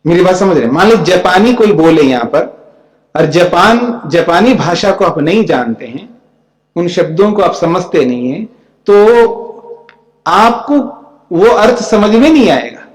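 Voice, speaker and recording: A male spiritual teacher with a fairly high voice gives a scripture commentary lecture. He reads out a line of verse, then explains it in plain words, often checking that his listeners follow. The sound is roomy and echoey, with a long reverb that hangs in the hall. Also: very animated, a little slow. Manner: reads Sanskrit lines, then explains each in plain speech.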